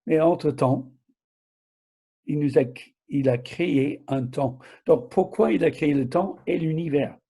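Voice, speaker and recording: Measured in pace, his voice is fairly high, mellow, and husky. The speaker is a preacher aged sixty or above whose accent combines southern French and American; teaching the Bible casually in somewhat broken, halting French, he regularly corrects himself and checks in with those listening.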